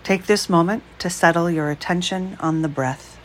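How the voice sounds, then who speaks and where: Low-voiced woman guiding a slow meditation. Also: a little hiss or hum. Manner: slow, calm, soft-spoken. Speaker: meditation guide. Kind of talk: guided breath meditation.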